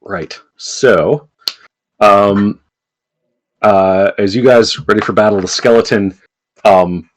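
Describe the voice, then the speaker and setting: Slow, halting game master man. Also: fairly low pitch, fairly even intonation, slight background noise, poor audio. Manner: hesitant with many fillers, giggly. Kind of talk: narrating a tabletop game.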